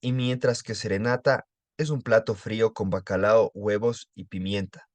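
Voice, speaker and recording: A man's voice: lowish voice, steady tone, normal speed, no echo. A man giving a class presentation, plainly listing word examples.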